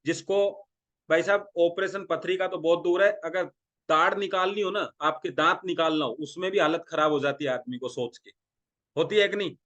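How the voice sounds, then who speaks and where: Middle-aged male sales trainer from India, slightly high voice, rhetorical questions and acted-out dialogue. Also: normal speed, fairly bright tone. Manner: talks through role-played dialogues, asking the audience questions. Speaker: direct selling trainer. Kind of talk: motivational sales training talk.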